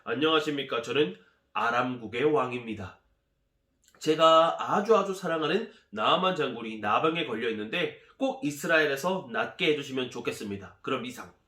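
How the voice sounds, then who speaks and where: A courteous foreign king, as a man reads his letter aloud, formal and polite. The tone is slightly louder than plain talk. The words echo in a roomy space. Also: mid-range voice, animated, moderate pace.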